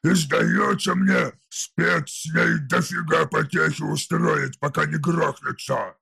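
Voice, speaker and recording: A hulking, foul-mouthed orc warlord growls his words in a deeply gravelly, throaty rasp. The voice sits a little above the storyteller's own register, with coarse, slangy delivery full of brutish mockery, like an audiobook villain. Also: slow pace, pushed and bright, heavily acted. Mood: mocking. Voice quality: gravelly, rough. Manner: crude slangy speech. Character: huge brutish male orc warlord, crude and mocking. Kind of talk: audiobook character voice.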